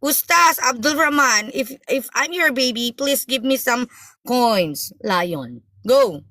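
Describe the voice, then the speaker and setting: Hosting a live stream, a young woman playfully teases her viewers and switches between Tagalog and English. Her voice is on the high side, expressive and sharp, and she speaks slowly. The sound is studio quality with no echo.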